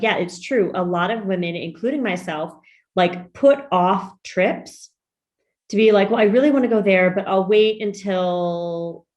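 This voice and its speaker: A woman's voice: mid-range voice, a little mellow. A woman hosting a business podcast interview, upbeat and emphatic, now and then saying "y'all". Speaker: podcast host and business coach.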